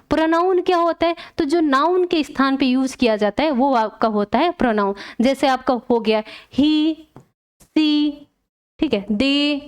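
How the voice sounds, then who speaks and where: A woman teacher explaining exam questions step by step, checking in often with her class. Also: sits high.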